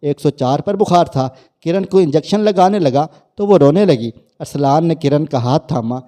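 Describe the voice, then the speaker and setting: A man narrating a scripted family story in a plain, steady way. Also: on the high side.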